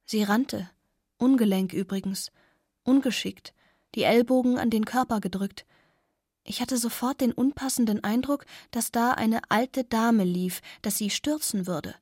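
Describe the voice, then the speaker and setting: A woman's voice: fairly high pitch, unhurried, darkish tone, husky, no room sound, studio quality. A woman reading a novel aloud in first person, intimate and sometimes dropping to a near whisper. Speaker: audiobook narrator. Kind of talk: scripted first-person narration.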